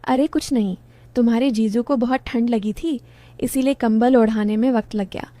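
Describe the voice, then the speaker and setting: A woman's voice: fairly high pitch, steady tone, moderate pace, mellow, no room sound, natural voice. A woman voicing a teasing young wife. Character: playful teasing young married woman, sister.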